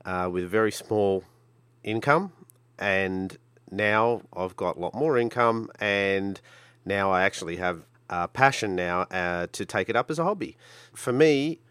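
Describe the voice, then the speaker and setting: A middle-aged man from Brisbane with a Queensland Australian accent hosts a solo podcast in a casual way. His voice is deep and clear, recorded dry with very little room sound. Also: a little slow, fairly bright tone, no echo. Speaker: podcast host.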